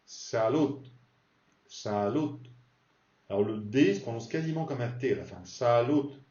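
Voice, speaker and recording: A man teaching a casual beginner's language lesson, slowly repeating example words and explaining them patiently. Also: medium pitch, expressive, mellow. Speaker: Spanish teacher. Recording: distant echoey dull recording.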